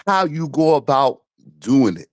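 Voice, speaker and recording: A man's voice: medium pitch, big pitch swings, measured pace, no echo, clean studio sound. A man with a Brooklyn accent, a caller speaking in an informal, streetwise and insistent way in a casual debate. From Brooklyn, New York, USA. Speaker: caller to a talk show.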